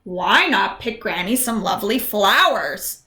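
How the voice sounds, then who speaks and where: Brief: storybook villain, woman voicing a hungry male wolf, low sly growl, roomy echo. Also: sing-song, a little slow, sharp tone.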